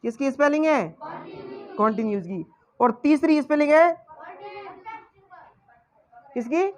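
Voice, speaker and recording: A man's voice: extremely high pitch, lively intonation, a little slow. A male teacher giving a lesson, quizzing the class with repeated questions and then answering them himself. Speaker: English teacher.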